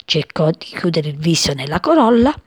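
A woman reads a children's tale aloud with expressive, gentle storytelling. Her voice moves lively up and down and has a husky grain. The recording is dry and close. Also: low voice, normal speed, no room sound.

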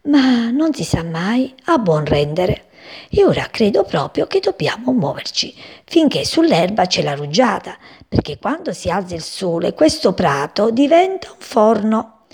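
A woman voicing a tiny, always hungry male shrew who talks quickly and with mock politeness in a storybook reading. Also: medium pitch, very animated, darkish tone, slightly rough, heavily acted. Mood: breezy.

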